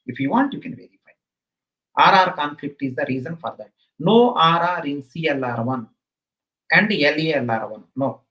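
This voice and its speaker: A man's voice: fairly high pitch, lively intonation, moderate pace, sharp tone, dull audio. A man with a South Indian accent teaching a live online exam class, emphatically repeating his phrases over and over.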